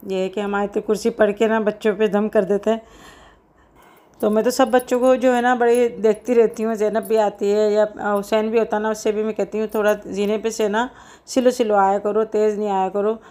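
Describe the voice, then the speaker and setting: A woman's voice: mid-range voice, little pitch movement, normal speed, mellow. A middle-aged woman chatting casually in her home cooking vlog, rambling along with lots of fillers. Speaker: cooking vlogger.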